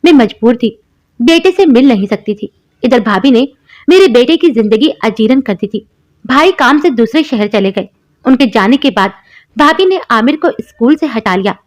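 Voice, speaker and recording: A young woman narrating a first-person story in a steady, emotional storytelling manner. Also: fairly high pitch, normal speed. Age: young adult.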